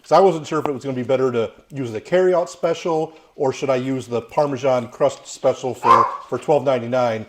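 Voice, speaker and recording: A man's voice: medium pitch, a little fast, few pauses, heavy background noise. A man in his forties giving a casual, plain-spoken food review with his child. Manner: easygoing, plain-spoken, opinionated.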